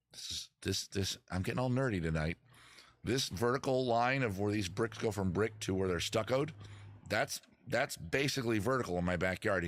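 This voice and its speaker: The speaker is a man with a fairly low, fairly bright voice, recorded dry. He hosts a live music and chat show from his backyard at home, rambling casually and self-deprecatingly to livestream viewers, swearing freely and singing some improvised bits.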